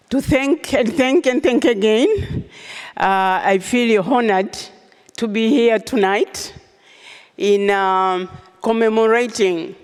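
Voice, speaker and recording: A woman speaks slowly and graciously, with an easy good humour, as a panelist on stage. Her words ring out into the long reverb of a big concert hall. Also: mid-range voice, darkish tone, clear, resonant tone. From Tanzania. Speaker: ambassador, panelist. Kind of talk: panel discussion remarks. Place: large concert hall stage, live event.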